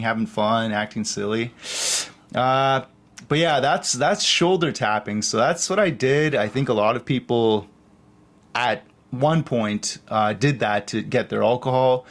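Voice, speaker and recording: A young man from Canada telling a story in a casual, rambling way, full of fillers and acted-out quotes. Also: medium pitch. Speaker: podcast host.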